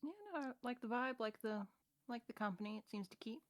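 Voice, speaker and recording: A woman's voice: on the high side, fast talker, no room sound. Casual, joking female tabletop player. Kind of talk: tabletop role-play, in and out of character.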